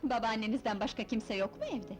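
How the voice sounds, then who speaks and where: An actress playing a gentle, tearful young mother in a 1970s film drama. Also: fairly high pitch, animated, fairly quick, close to an everyday voice. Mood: tender. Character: tender young mother returned home. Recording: old film soundtrack with score music. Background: film score music.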